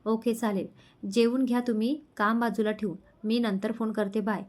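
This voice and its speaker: A woman's voice: a little high, steady tone, normal speed, darkish tone, natural voice. A woman reading the part of a loving young wife who speaks tenderly. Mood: gentle.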